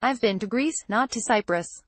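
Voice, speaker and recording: A woman narrating a news roundup in a steady, scripted read-aloud delivery. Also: on the high side, normal speed, no room sound.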